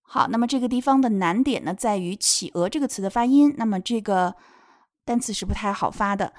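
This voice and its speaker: A woman's voice: medium pitch, brisk, darkish tone, no echo, clean studio sound. A woman teaching a children's picture book, reading each line aloud and patiently explaining pronunciation step by step. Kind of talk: bilingual read-aloud lesson.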